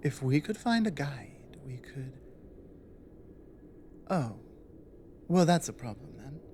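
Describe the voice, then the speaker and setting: The woman voicing this guarded, loyal orc warrior in an ASMR audio drama uses a bass voice that is very animated, slightly mellow and heavily acted. Her phrasing stays slow, halting, plain and earnest, set against a light ambient hum. This time she sounds wary and practical.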